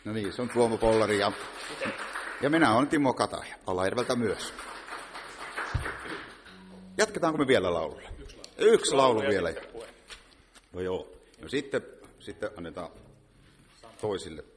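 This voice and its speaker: Joking man with a low voice, echoey hall. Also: lively intonation, pauses often, a crowd in the background. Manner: joking, rambling with fillers. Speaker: visiting choir member. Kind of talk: humorous talk at a church service. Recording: reverberant church hall with faint noise.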